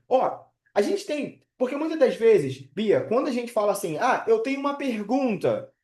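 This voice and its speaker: A man's voice: very high-pitched, a little mellow, reverberant. A man in his twenties teaching English in a casual live online class, chatty and full of fillers and check-ins with his students. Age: 20s.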